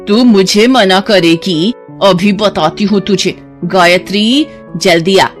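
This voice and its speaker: A woman's voice: mid-range voice, soft background music, natural voice. A woman doing a cruel bossy mother-in-law. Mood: harsh. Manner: harsh, slow and commanding.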